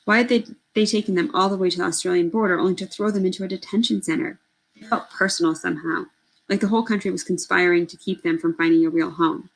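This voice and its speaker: A woman reads a novel aloud with earnest, expressive delivery. Her voice sits a little low for a woman, and she now and then corrects a word as she goes. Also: quick pace, gravelly, low-quality recording. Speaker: reader.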